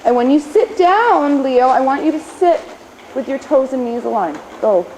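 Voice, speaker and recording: A woman coaching a horse riding lesson, projecting brisk commands and corrections with short explanations. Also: sits high, lively intonation, a little mellow. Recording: clearly noisy riding-lesson ambience.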